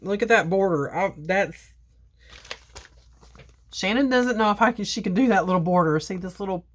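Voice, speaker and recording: A woman with a somewhat low voice chats casually to her viewers as she unboxes craft supplies. She repeats herself, calls her audience guys, and sips coffee between lines. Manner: sips coffee while talking. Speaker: crafting vlogger.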